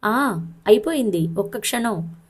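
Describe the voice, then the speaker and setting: A woman voicing a worried young mother who answers in a soft, hesitant way. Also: mid-range voice, lively intonation, measured pace, breathy edge. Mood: flustered.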